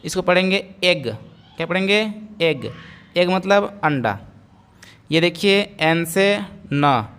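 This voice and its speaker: A man's voice: a little high, lively intonation, fairly bright tone, clear, resonant tone. A man giving a phonics lesson, spelling words out letter by letter, then repeating them and asking viewers to say them back. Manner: slow, repeats each word and quizzes viewers. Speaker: English teacher.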